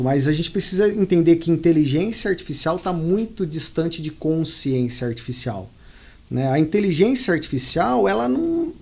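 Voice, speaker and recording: A man with a Brazilian Portuguese accent explains things patiently to an interviewer, often repeating a point to drive it home. His voice sits notably high for a man. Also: creaky. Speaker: invited specialist.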